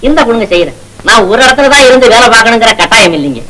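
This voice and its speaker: A man's voice: very high voice, very animated, rapid-fire, bright, forceful tone, a little hiss or hum, full character voice, low-quality recording. An actor playing a bumbling, talkative male shop worker who rambles and pleads under police questioning, in old film comedy style. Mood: cheeky. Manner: rambling, evasive and pleading, comic patter. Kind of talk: 1950s film comedy acting.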